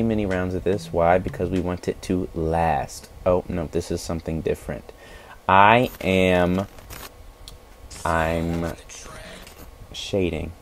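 A man with a low voice narrates a spoof beauty tutorial. He is playful and repeats himself for comic effect, with faint music playing underneath. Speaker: guest voice-over commentator. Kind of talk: mock makeup tutorial voice-over. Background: background music.

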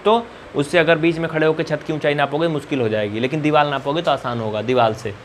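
Chatty Indian math teacher, slightly high voice. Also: male voice, fairly even intonation, quick pace, a little hiss or hum. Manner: repetitive, asks students questions and answers them himself; colloquial, coaxing. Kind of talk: whiteboard math lesson.

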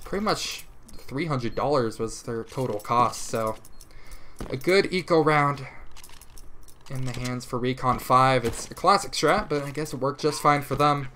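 A man casting a competitive shooter match alone, giving rapid play-by-play that jumps up in pitch and volume at big plays and corrects himself as he goes. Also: pushed and bright, slight background noise. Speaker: esports caster. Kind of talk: live esports play-by-play commentary.

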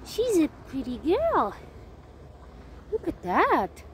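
A woman's voice: high voice, wildly swooping pitch, slow, a little hiss or hum. A woman talking tenderly and teasingly to street cats outdoors while filming them. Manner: doting, teasing, laughing softly. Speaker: cat-feeding vlogger. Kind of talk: casual talk to street cats.

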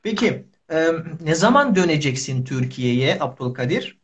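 A man's voice: a little high, big pitch swings, unhurried, slight background noise. A man, hosting a casual live language lesson in simple, repeated short phrases. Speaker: Turkish teacher and live host. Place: small indoor room. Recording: dull lo-fi livestream audio.

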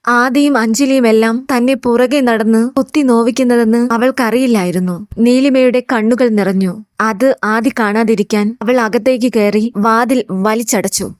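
A woman narrating a scripted audio serial in a steady storytelling voice. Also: fairly high pitch, no echo, clean studio sound.

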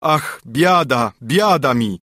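A man voicing a hot-tempered, unlucky male carter in a storybook reading, loud and lamenting. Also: a little high, sing-song, unhurried, dry recording, studio quality, pitched above the performer's own voice, full character voice.

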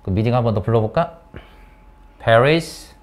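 In an academy classroom, a male instructor works through an English grammar lesson in English, calling students by name and pressing them with question after question in a lively, coaxing manner. He has a medium-pitched voice and a measured pace.

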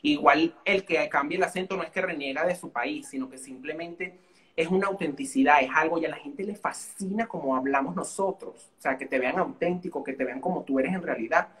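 A young man with a Venezuelan accent, chatting as a guest in an interview with an animated, theatrical way of telling stories. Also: a little high, a little fast. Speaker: guest YouTuber. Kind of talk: casual interview chat.

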